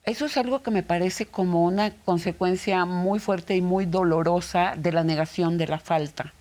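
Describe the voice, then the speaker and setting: A woman hosting a calm studio conversation about psychology, with frequent affirming murmurs. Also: fairly low pitch, normal speed. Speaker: host.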